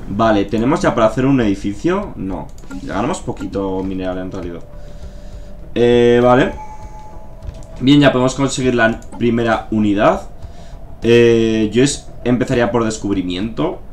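A man's voice: lowish voice, animated, moderate pace, long pauses. A man with a Spain Spanish accent giving casual gameplay commentary, thinking aloud with fillers, swearing and joking. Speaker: gameplay streamer. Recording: faint game music behind. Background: faint game music.

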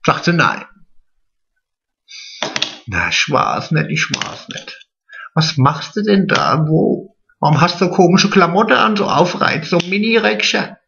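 A man puts on a vain, naive middle-aged woman, gossiping straight to the camera. Her voice is bright and swoops up and down, and she draws her words out slowly. The sound is dull and lo-fi, like a home video. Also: a little high, animated, vocal fry, full character voice. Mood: gossipy. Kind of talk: drag comedy monologue to camera.

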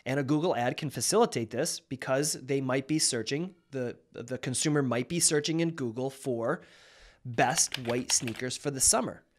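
A man's voice: mid-range voice, moderate pace. A man in his thirties, a marketing host, explaining in a casual, conversational way with restarts and rhetorical questions. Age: 30s.

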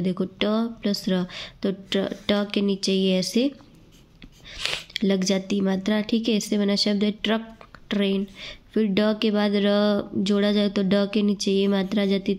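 A woman's voice: mid-range voice, darkish tone. A woman teaching a grammar lesson to students. She explains step by step and keeps checking in with them.

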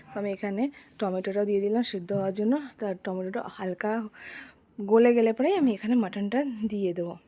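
Soft-spoken woman with a cold, mellow voice. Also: medium pitch, slight background noise. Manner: chatty, addresses viewers directly. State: has a heavy cold, speaking softly. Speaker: vlogger. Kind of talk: casual cooking vlog narration.

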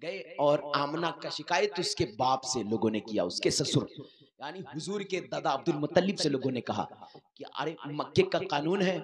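High-voiced male preacher telling a story. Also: expressive, normal speed. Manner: dramatic, emphatic, sing-song storytelling. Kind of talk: Islamic sermon storytelling. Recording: live gathering with crowd noise.

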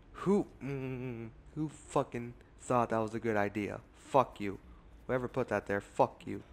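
Jumpy, swearing young gaming commentator. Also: male voice, mid-range voice. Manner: jumpy, swears a lot, yells when startled. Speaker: gaming YouTuber. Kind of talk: casual gameplay commentary.

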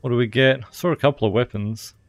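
A man's voice: medium pitch, fast talker, no echo. A man streaming a game, giving offhand, chatty commentary in short remarks. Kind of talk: casual gameplay commentary. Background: game music.

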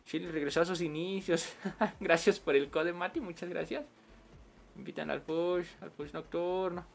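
A man with a Mexican accent chatting casually on a game livestream, full of slang and quick laughs. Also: a little high, steady tone, vocal fry. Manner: slangy, laughs often while storytelling. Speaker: game streamer.

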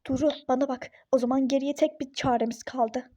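A woman's voice: sits high, fairly even intonation, a little fast, mellow, dull audio, a little hiss or hum, lightly acted. A woman voicing a meddling, superstitious young woman friend in a phone-game role-play story, nagging and insistent.

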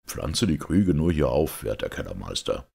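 Brooding outlaw knight, middle-aged, husky and rough, a man reading him; solemn storybook nobleman. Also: sing-song, darkish tone, heavily acted. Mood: jovial. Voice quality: deep gravelly rasp. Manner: solemn, weighty, slow delivery. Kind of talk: audiobook character voice.

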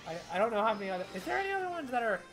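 A woman's voice: fairly high pitch, sing-song, rapid-fire, faint music behind. A woman co-hosting a video game stream, chatting in a playful, jokey way with frequent giggles. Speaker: co-host playing a video game. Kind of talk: casual let's-play chat.

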